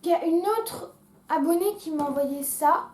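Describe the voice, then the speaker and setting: A teenage girl with a high voice, chatting to her viewers in a relaxed vlog and hesitating often with fillers. She talks in an echoey room. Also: moderate pace, slight background noise. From France. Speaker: YouTuber. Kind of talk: casual vlog chat.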